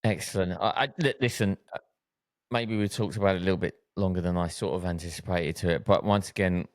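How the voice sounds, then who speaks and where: A man's voice: low voice, fairly even intonation, quick pace, no echo. A man co-hosting a podcast in casual chat, talking earnestly and hammering home his points by repeating them. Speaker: podcast co-host.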